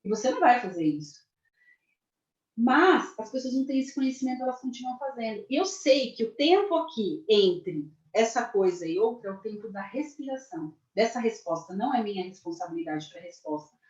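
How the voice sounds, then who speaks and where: Animated Brazilian woman career mentor. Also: fairly high pitch, brisk. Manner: lively, addresses the audience directly, acts out example phrases. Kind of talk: corporate training talk. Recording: echoey, dull lo-fi sound.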